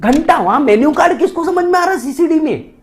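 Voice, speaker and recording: Brief: man as a speaker spinning a self-mocking funny story, animated and chatty. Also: very high-pitched, quick pace. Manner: chatty, with frequent rhetorical asides to listeners. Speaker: motivational speaker. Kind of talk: humorous storytelling talk.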